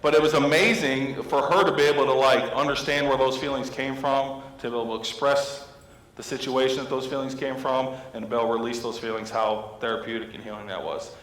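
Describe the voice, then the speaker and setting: Counselor, 30s man, mid-pitched, speaking to an audience in a reverberant hall. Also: fairly even intonation, fairly quick, fairly bright tone. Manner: storytelling, asks the audience questions. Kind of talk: talk to an audience of teachers. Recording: echoey hall with long reverb.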